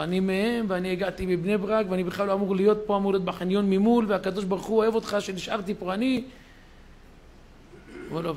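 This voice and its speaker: A rabbi delivers a storytelling sermon in a synagogue, acting out each character's lines with animation. His voice sits a little high and has a gravelly edge. Faint noise hangs behind him.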